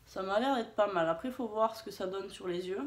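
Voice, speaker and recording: Talking a little fast at a medium pitch, this woman hosts a casual beauty haul and swatch video. The echoey room carries her chatty, self-deprecating rambling, which is hesitant and packed with fillers and restarts.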